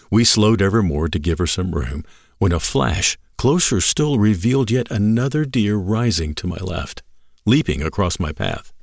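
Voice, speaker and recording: A man narrating a written story expressively, in measured, dramatic short phrases. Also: low-pitched, creaky, no echo, studio quality.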